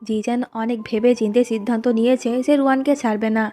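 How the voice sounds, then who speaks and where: A woman's voice: on the high side, fairly even intonation, fast, mellow, soft background music. A woman narrating and recapping the plot of a drama in a plain storytelling way, reading the characters' lines in her own voice. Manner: plain recounting, reads quoted lines in the same voice.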